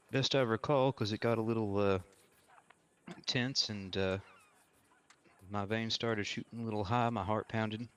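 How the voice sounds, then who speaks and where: A man playing an armed frontier woodsman giving careful, formally worded, halting testimony in a courtroom role-play. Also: fairly low pitch, a bit bright, natural voice.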